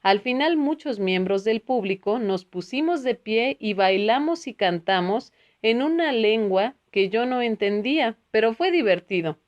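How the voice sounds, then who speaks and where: A woman narrating a spiritual book aloud at a measured, even pace. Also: on the high side, dull audio. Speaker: audiobook reader.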